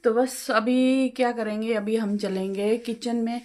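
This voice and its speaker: A middle-aged woman vlogger chatting at home, talkative and quick with her words. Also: fairly high pitch, steady tone, a little mellow. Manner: talkative, fast-talking. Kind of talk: casual home vlog chat. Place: home, balcony and kitchen.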